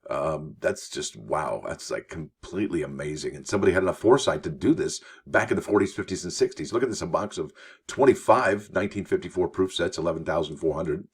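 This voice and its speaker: A man's voice: sits low, animated, fairly quick, slightly rough. A man hosting a coin news show, reading articles aloud with chatty, enthusiastic asides to his viewers. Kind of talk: casual news commentary.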